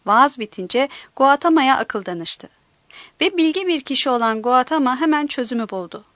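A woman reading a story aloud as an audiobook narrator, in an even, measured way. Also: sits high, no room sound. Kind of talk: scripted narration.

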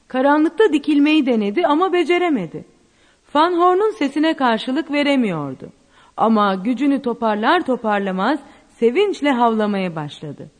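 Expressive woman storybook narrator. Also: on the high side, long reverb tail. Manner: expressive, dramatic reading. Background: faint music.

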